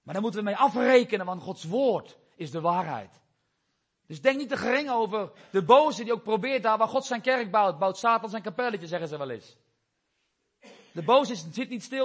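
Husky-voiced man preaching a sermon. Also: sits high. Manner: earnest, quotes scripture, rises and drops in volume.

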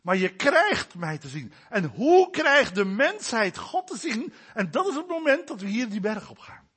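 A man preaching a sermon, swinging between soft, low asides and loud, raised declarations. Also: big pitch swings, unhurried, husky.

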